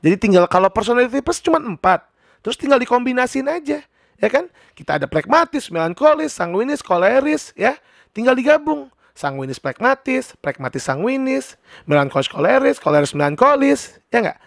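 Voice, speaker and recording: A man explaining personality types in a chatty, animated, casual vlog. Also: very high voice, a little fast, creaky, dry recording, clean studio sound. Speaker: personality teacher.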